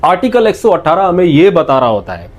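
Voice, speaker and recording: A law lecturer with a Pakistani accent explains his material didactically and step by step, restating points with emphasis and mixing in English legal terms. His voice is a little high and brisk, with huge pitch swings.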